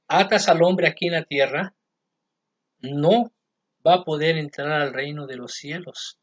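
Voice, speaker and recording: A man's voice: fairly high pitch, highs cut off. A man preaching a sermon, conversational and constantly checking in with "¿sí?" and "¿verdad?". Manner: conversational, keeps asking ¿sí? and ¿verdad?.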